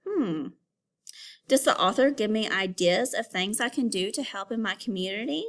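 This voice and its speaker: A woman teacher reads an informational text aloud to young children, stopping now and then to give instructions and ask them questions. Her voice is medium-pitched, expressive and a bit bright.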